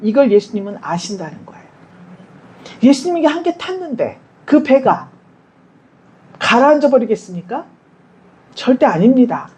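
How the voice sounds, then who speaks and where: A woman's voice: fairly high pitch, very animated, moderate pace, pauses often, dark tone, rough recording. A woman pastor giving a Sunday sermon in a church. She talks to the congregation conversationally, asks them questions and acts out quoted prayers and dialogue.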